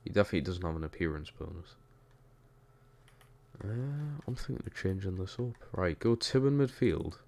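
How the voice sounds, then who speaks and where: Deep-voiced Geordie streamer. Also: male voice, animated, moderate pace, creaky, a little mellow. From Newcastle, England. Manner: chatty, reacts to the game and reads chat. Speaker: streamer playing a football game. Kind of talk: casual gaming stream commentary.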